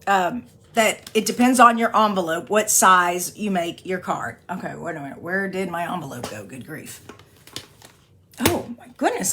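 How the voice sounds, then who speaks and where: This Texas host's medium-pitched voice is a bit bright and a little raspy from allergies and singing as she runs a chatty live card-making tutorial. She rambles, keeps apologizing, and laughs easily.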